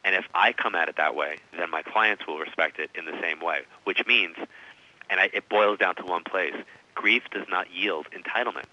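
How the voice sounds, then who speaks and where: A man's voice: low voice, moderate pace, sharp tone. A man in his forties, a psychic medium being interviewed, talking emphatically and telling stories. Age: 40s. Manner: emphatic, storytelling. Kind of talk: interview conversation. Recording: dull radio-style audio.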